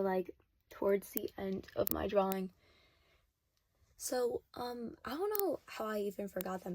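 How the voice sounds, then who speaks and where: Teen girl, casual voice-over, mellow tone, halting and filler-heavy, no real mic. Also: medium pitch. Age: teens. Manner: hesitant, many fillers like "like" and "um". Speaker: vlogger. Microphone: no external mic.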